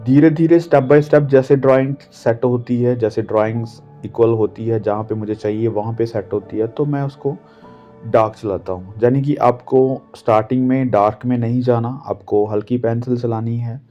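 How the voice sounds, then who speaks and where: A man's voice: medium pitch, steady tone, moderate pace. Hindi-speaking man teaching drawing, lo-fi. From India. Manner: patient, step-by-step explaining with fillers. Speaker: art teacher. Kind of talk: drawing tutorial talk. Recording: dull lo-fi audio with faint music. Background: faint background music.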